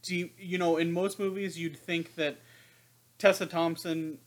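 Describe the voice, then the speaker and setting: A man in a casual movie discussion, measured and often giving brief agreeing replies. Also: a little high, little pitch movement. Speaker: podcast co-host.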